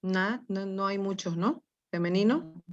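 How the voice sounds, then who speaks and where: A woman teacher takes students through a grammar lesson at a slow, deliberate pace. She coaxes answers out of them gently and keeps checking that they follow. The recording sounds dull and lo-fi. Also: medium pitch. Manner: patient, coaxing, with check-ins like "¿no?" and "mi amor".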